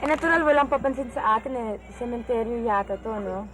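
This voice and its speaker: A woman's voice: on the high side, brisk, natural voice, poor audio. A woman playing an easygoing young woman. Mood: plain. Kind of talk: film comedy acting.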